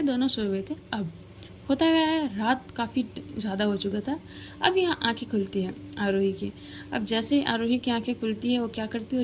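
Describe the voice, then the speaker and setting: A woman's voice: on the high side, darkish tone, slight background noise. A woman narrating a story casually, chatty and slangy, talking to the listener like a friend.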